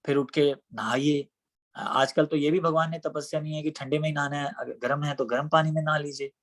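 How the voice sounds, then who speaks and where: Man teaching scripture, slightly high voice. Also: fairly even intonation, brisk, a bit bright. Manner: conversational, asks rhetorical questions. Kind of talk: devotional scripture class.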